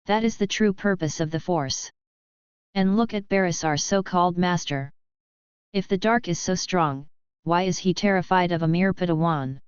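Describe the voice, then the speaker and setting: A woman voicing a gentle, quietly persuasive man in a fan-fiction audio story. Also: lowish voice, moderate pace, smooth, no echo, close to an everyday voice. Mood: earnest. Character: gentle light-side man, calm persuader. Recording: slightly dull, dry recording.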